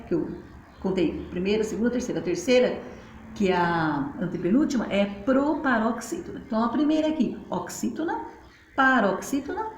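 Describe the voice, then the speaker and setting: A woman teacher, patiently explaining at a board and spelling out syllables in a chatty way. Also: a little high. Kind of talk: casual classroom explanation. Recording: roomy, faint background noise.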